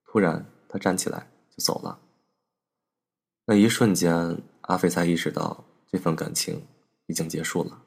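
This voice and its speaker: Deep gravelly male storyteller. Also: fairly even intonation, moderate pace, a little mellow. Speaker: storytelling podcast host. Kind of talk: reflective story narration.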